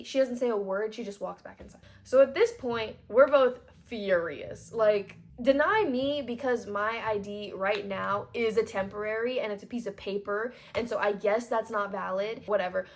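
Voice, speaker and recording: A woman in her twenties telling a storytime vlog, chatty and animated, full of fillers, acting out what people said. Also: fairly high pitch. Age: 20s. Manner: chatty and animated, lots of "like", voices quoted people. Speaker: vlogger. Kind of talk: storytime vlog, casual retelling.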